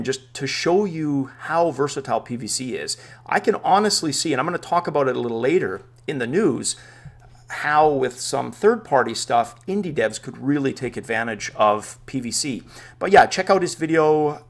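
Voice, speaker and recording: A native Dutch speaker with a creaky, mid-range voice hosts a casual VR news vlog from his man cave at home. He's chatty and enthusiastic, thinking out loud as he goes.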